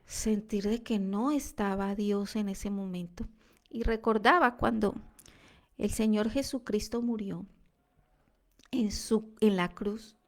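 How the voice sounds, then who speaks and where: A woman sharing a devotional testimony, earnest and reflective, sometimes dropping to a soft whisper. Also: medium pitch, fairly even intonation, takes it slowly.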